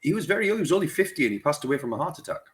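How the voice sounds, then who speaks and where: A man, a dentist telling his life story as a podcast guest in an unhurried, reflective way. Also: on the high side, sing-song. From West Yorkshire, England. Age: 40s. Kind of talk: reflective conversational interview.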